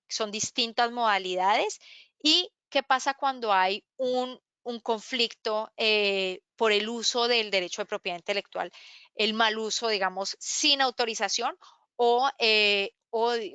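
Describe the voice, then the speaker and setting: A woman's voice: mid-range voice, sharp tone, smooth, no echo. A woman speaking in an online workshop, explaining and answering questions with many hesitations and restarts.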